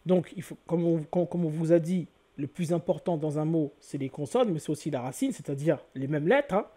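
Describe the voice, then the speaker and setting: A man with a fairly high, warm and mellow voice gives a methodical lecture. He explains step by step and often pauses to check that the listener is following. When he reaches a point he likes, his delivery turns more animated. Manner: methodical, repeats points with "hein" and "donc". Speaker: video lecturer on word origins.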